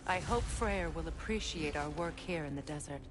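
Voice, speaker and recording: An actress playing a wise, rueful goddess and mother in a video game, speaking in a measured, reflective way with dry sarcasm. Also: low-pitched, noisy background, close to an everyday voice.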